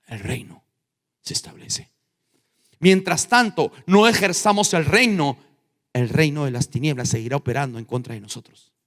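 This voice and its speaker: A male pastor preaching a sermon, swinging from loud emphatic lines down to hushed ones. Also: medium pitch, husky. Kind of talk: Spanish-language sermon. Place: church. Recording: long church reverb.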